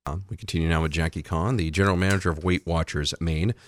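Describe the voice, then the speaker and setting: A man with a very low, gravelly and hoarse voice hosting morning radio. He speaks close to the mic in a dry studio, cracking jokes between plugs. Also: steady tone, fast, no room sound. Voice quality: gravelly voice today. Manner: jokey, wisecracking. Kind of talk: casual radio talk with promo reads. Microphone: studio microphone.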